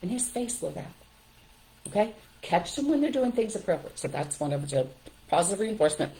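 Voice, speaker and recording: An older woman giving parenting advice in a direct, lively way, often checking in with "okay?" and "right?". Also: mid-range voice, a little fast, poor audio. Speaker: parenting coach.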